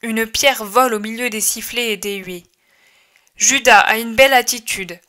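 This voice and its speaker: Bright-voiced woman narrating a religious text. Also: fairly high pitch. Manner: measured, expressive reading. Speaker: audiobook reader.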